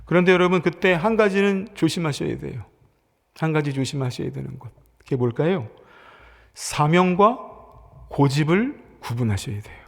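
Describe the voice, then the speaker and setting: A man preaching a sermon as pastor, earnest, slowing down and sinking to a whisper to stress his points. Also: on the high side, expressive, creaky. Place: church sanctuary. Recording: long reverb of a church sanctuary.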